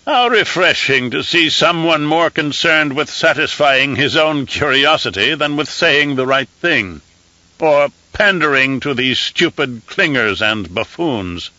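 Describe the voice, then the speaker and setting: An audiobook narrator voicing an ancient, gaunt emperor with a reedy, scratchy voice and an imperious, cackling manner. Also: male voice, fairly high pitch, lively intonation, a little slow, bright, forceful tone, dry recording, muffled recording, voice pushed up, full character voice. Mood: amused. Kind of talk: audiobook character voice.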